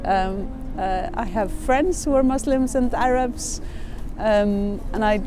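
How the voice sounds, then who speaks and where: A woman's voice: mid-range voice, slow pace, over music. Thoughtful woman. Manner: thoughtful, hesitant starts. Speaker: arts festival director. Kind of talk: street interview.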